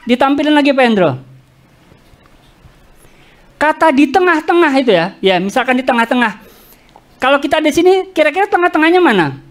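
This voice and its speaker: Animated woman preaching a sermon. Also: high voice, brisk, pauses often. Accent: Indonesian, with East Javanese slang. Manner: animated, jokey, addresses the congregation directly; acts out congregants' complaints and God's words in quoted voices. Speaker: pastor. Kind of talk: lively church sermon. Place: church.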